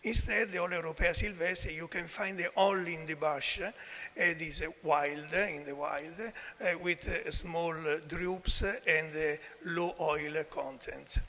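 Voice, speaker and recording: Older man, weak low-volume voice, bright timbre, halting academic talk, long hall reverb. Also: fairly even intonation. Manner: halting delivery in non-native English. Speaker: conference speaker, professor. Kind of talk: academic presentation.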